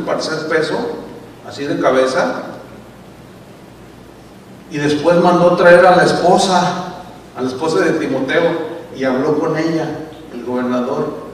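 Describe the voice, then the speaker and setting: A man's voice: fairly high pitch, a bit bright, slight background noise. A male pastor preaching a sermon, telling a story dramatically and speaking to the congregation. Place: church hall. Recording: echoey church hall from far off.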